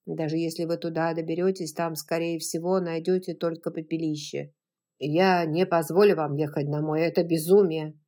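A bold, self-assured Southern gentleman in an audiobook, firm and scolding, as a woman reading the story puts him on. He lays out the danger in a forceful, raised voice. His tone is commanding and protective. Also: sits low, level tone, normal speed, close to an everyday voice. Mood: stern. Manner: firm and scolding, then tender and hushed.

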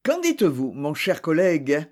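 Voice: medium pitch, wildly swooping pitch, normal speed. Reader voicing a kindly male magistrate. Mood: gentle.

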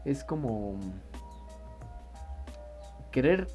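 Mellow-voiced man, animated. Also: medium pitch, very slow, muffled recording, faint music behind. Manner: animated, swearing, thinks aloud with restarts. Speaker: podcast co-host. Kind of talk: casual chat about song lyrics.

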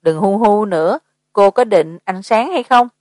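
A woman's voice: medium pitch, expressive, a little slow, a little mellow, no room sound, close to an everyday voice. A woman voicing a composed young man in an audiobook story, speaking levelly and politely. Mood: calm.

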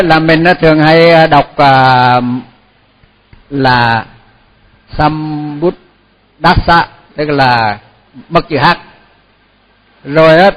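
A man teaching a Buddhist chant, repeating each syllable slowly and then explaining the pronunciation in casual talk. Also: a little high, highs cut off. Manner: slow, repeats syllables for pupils to echo. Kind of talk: chanting lesson.

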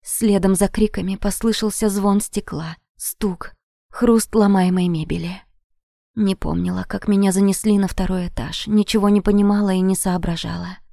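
Lady reading a romance audiobook, breathy, gravelly low tone, slips into whispers, close and dry. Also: fairly even intonation, normal speed, dark tone, dry recording. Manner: intimate, drops often into a breathy whisper. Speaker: audiobook narrator. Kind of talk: first-person romance audiobook narration.

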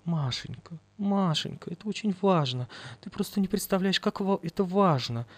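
A man voicing a scheming woman desperate for money, pleading in a wheedling, high-pitched voice. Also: lively intonation, moderate pace, no room sound. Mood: coaxing.

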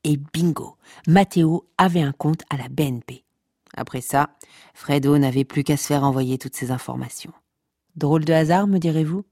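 An actress voices a sardonic, teasing storyteller who narrates comic podcast fiction and scolds listeners with deadpan, wry wit. Her female voice is low-pitched at a moderate pace, captured in clean studio sound with no echo.

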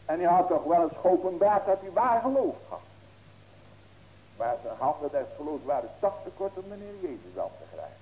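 Man in his 60s, pastor, sermon, emphatic, rhetorical questions, warm tone, slightly high pitch. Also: animated, moderate pace, muffled recording, a little hiss or hum. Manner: earnest, building to emphatic ringing cries; folksy asides and rhetorical questions.

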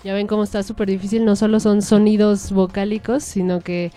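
A woman's voice: mid-range voice, little pitch movement, fairly quick, faint music behind. A woman hosting a radio interview, drawing out her guest with questions and short affirmations. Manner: warm, encouraging, reacts with short affirmations. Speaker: radio host.

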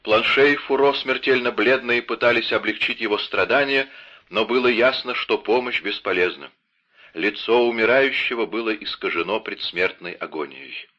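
A man's voice: fairly low pitch, moderate pace. Man reading an audiobook, dramatic, dull lo-fi recording. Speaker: narrator. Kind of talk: audiobook narration.

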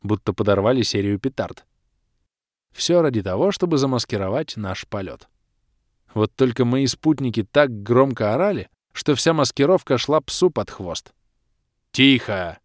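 A man narrating a first-person fantasy audiobook with wry, lively storytelling. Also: medium pitch, moderate pace, dry recording, studio quality.

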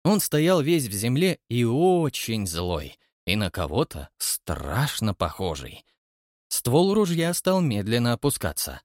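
A man narrating an audiobook with expressive storytelling. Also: mid-range voice, takes it slowly, no room sound, clean studio sound.

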